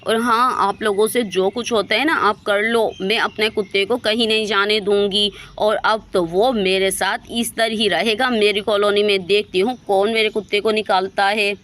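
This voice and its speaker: A woman's voice: medium pitch, steady tone, normal speed, few pauses, fairly bright tone, close to an everyday voice. Woman voicing Gori, a stubborn dog-loving woman. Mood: defiant. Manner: defiant, insistent.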